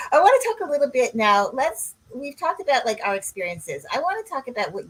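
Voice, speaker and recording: A woman's voice: high voice, big pitch swings, a little fast, fairly bright tone, slightly rough, rough recording. A woman, a coach co-hosting a podcast in casual chat, rambling and drifting off on tangents. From Canada. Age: 60s.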